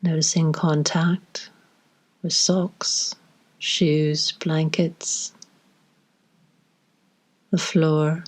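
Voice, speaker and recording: Her voice is low, level, and husky as she guides a body scan meditation. She delivers slow, soft instructions and lets long pauses fall between each phrase.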